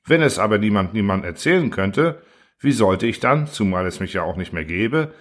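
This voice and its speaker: A cold, self-important machine with a metallic ring to its voice, as a man puts it on. It talks down to its makers with calm, smug indifference, like an audiobook villain. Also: lowish voice, moderate pace. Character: vain, cold, boastful thinking machine. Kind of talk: audiobook reading.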